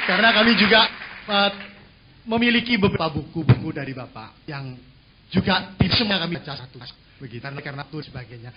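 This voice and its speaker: A man from Madura, an audience member asking a question in a halting, formal way. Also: fairly high pitch. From Madura, Indonesia. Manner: halting and formal, with many pauses. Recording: muffled, clear background noise.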